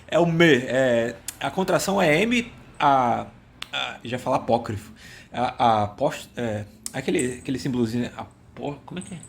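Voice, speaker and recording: With a gravelly, medium-pitched voice at normal speed, a man hosts a casual, comedic language video. He rambles, pokes fun at himself, and keeps stumbling as he searches for words he can't recall. There's slight background noise.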